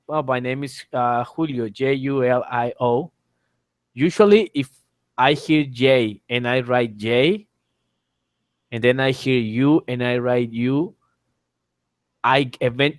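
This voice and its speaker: The sound is dry and close as a man with a medium-pitched voice tutors online, with no room sound. He is an English teacher running an informal exam lesson through a call microphone, explaining things, repeating phrases, and spelling letters aloud.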